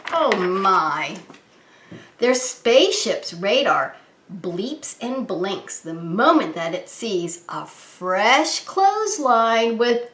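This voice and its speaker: A woman preschool teacher reads a children's story aloud to small children in an animated, sing-song way. Her voice is fairly high, and the room sounds echoey.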